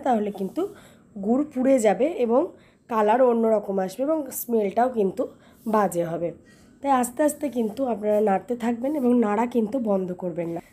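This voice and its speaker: A woman's voice: fairly high pitch, mellow. A young mother, who has a cold and sore throat, patiently walks viewers through a home recipe in her kitchen. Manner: patient instructive tone, repeating steps with emphatic fillers. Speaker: mother and home cooking vlogger.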